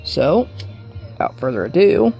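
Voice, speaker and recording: Man with gravelly voice, lively casual tutorial. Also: on the high side, dull audio, soft background music. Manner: thinks aloud while working, halting, wryly joking. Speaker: hobbyist demonstrating an electronics hack. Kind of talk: casual hands-on tutorial narration.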